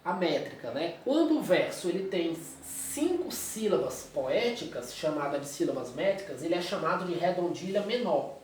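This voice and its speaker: A man's voice: fairly high pitch, sing-song, normal speed, hardly any pauses, a little mellow, slight background noise. Brazilian male teacher explaining a lesson, constant check-ins, distant mic in a very echoey room. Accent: Brazilian Portuguese. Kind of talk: recorded classroom lecture.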